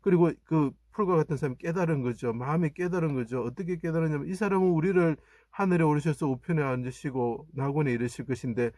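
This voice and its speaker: A man's voice: fairly high pitch, quick pace, hardly any pauses, dark tone, no echo, studio quality. A man teaching a Bible lesson on Chinese characters, explaining each part and reading scripture and prayers with rising emphasis. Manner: breaks characters into their parts and quotes scripture, often starting lines with "자".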